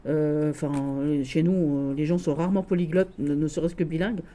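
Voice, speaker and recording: A woman chatting casually and affectionately as she shows her tarot decks, often pausing on "voilà". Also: sits low, fairly even intonation, warm tone. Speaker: tarot vlogger.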